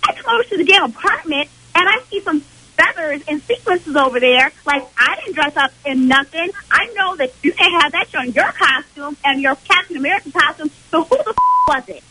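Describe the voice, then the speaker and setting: A woman's voice: sits high, lively intonation, a little fast, pushed and bright, dry recording. A woman calling in to a radio show over the phone, talking in an angry, cutting, swearing way. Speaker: caller. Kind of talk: phone call on a radio prank segment. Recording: phone line.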